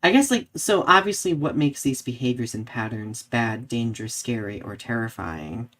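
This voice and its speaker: A podcast co-host discusses things casually and reads out live comments, thinking aloud and peppering her talk with "like." The voice is medium pitch and fairly bright, with lively intonation at a moderate pace.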